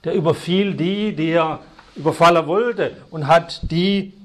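A man preaching a sermon, emphatic and repetitive, swinging between loud stressed words and hushed asides. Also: fairly high pitch, unhurried.

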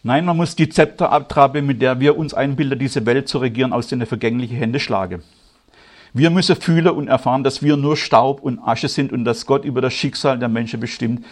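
A German-speaking man preaching a sermon, moving from quiet, measured delivery to loud, high, emphatic passages. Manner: grows loud and high-pitched when stirred, slow emphatic stresses.

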